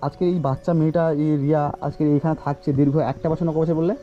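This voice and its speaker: Rapid-fire, pressing man vlogging outdoors. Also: a little high, fairly even intonation, lo-fi sound. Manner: pressing, repetitive questioning. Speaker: social worker vlogger. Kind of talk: confrontational street interview.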